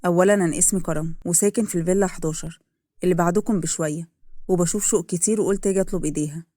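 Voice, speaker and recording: A man's voice: high voice, steady tone, rapid-fire, dark tone, no echo, natural voice. A woman voicing a polite, eager young suitor with an Egyptian accent, speaking earnestly. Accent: Egyptian Arabic.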